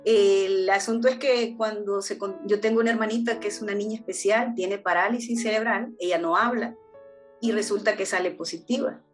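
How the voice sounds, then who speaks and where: A woman's voice: medium pitch, fairly even intonation, normal speed, soft background music. A woman preaching a personal testimony sermon, speaking in an earnest, heartfelt way with frequent restarts.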